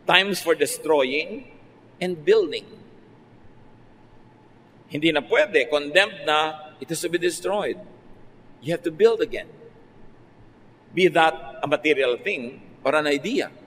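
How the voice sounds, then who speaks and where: A Filipino pastor preaches with easy, joking asides in a somewhat high voice. His words ring out with a long reverb in a large hall. A faint ambient hum sits under the talk. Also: lively intonation, takes it slowly, pauses often, fairly bright tone. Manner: conversational preaching, mixing Tagalog and English, playful asides. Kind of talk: sermon.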